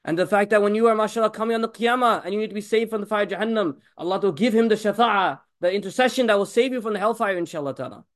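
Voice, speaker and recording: A man giving a religious talk as a teacher, preaching emphatically with frequent rhetorical questions to the audience and repeated blessings. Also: sits high. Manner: rapid, emphatic preaching with blessings on the Prophet woven in.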